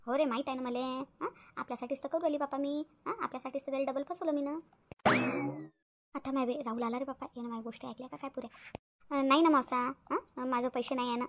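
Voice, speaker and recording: A woman's voice: high voice, fairly even intonation, fast talker, fairly bright tone, slight background noise. A woman voicing a scheming young wife in a cartoon, sly and whiny, pleading with fake tears. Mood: fake sobbing. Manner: wheedling, fake-tearful pleading. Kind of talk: cartoon voice acting.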